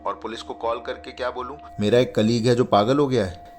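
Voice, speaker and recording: A man's voice: mid-range voice, steady tone, a little fast, close to an everyday voice. A man voicing a worried young woman on the phone, puzzled and questioning, with a raised voice. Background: background music.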